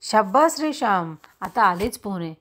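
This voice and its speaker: A woman's voice: medium pitch, sing-song, moderate pace, fairly bright tone. A woman voicing an encouraging young man who teaches a boy to swim, in a storybook reading.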